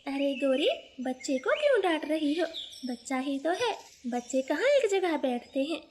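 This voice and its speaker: A woman voicing a gentle young female sparrow daughter-in-law in a storybook cartoon, speaking softly and patiently. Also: sits high, sing-song, normal speed, a little hiss or hum. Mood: meek. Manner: soft, meek, patient.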